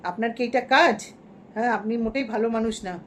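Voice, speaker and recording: Lady doing a preachy commenter scolding away, higher voice, faint hiss. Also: quick pace, lightly acted. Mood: reproachful. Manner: reproachful, lecturing. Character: scolding indignant woman commenter.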